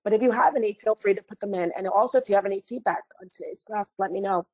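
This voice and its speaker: Slightly hoarse woman wrapping up a webinar. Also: mid-range voice, quick pace, warm tone, poor audio. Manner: chatty, friendly, apologetic asides. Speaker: webinar trainer. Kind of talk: online training webinar wrap-up.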